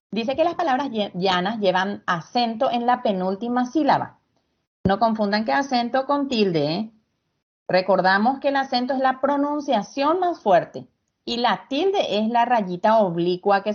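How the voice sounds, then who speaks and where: A woman teacher leads an online class with a somewhat high voice. She explains patiently, slowing down to stress points and quizzing her students along the way. The sound is dull and lo-fi, like a video call. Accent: Ecuadorian Spanish.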